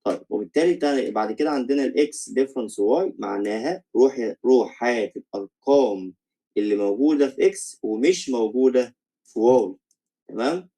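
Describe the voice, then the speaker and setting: A man's voice: mid-range voice, lively intonation, fast, mellow, rough recording. A young man with an Egyptian accent teaching college math in a recorded lecture, explaining step by step, checking "okay?" after each point and mixing English math terms into his Arabic.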